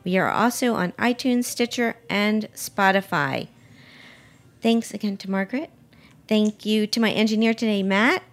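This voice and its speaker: A woman with a mid-range voice hosts a food radio show at a moderate pace, chatting casually with her guest. She laughs and restarts her sentences often.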